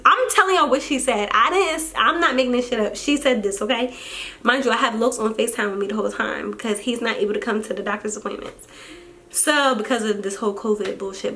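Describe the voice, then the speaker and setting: A young woman vlogging casually, telling a story in an animated, exasperated way and acting out what people said. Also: a little high, slight background noise.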